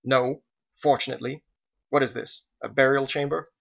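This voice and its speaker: A man's voice: mid-range voice, fairly even intonation, a little fast, a bit bright, highs cut off. A man voicing a tense, guarded young woman fighter who speaks in clipped, commanding lines. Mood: urgent, scolding.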